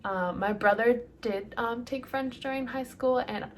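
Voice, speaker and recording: Slightly high-voiced and a little slow, a beauty vlogger in her late twenties from El Salvador chats casually through a get-ready-with-me Q&A. She rambles, full of ums and likes, and the recording carries a little hiss or hum.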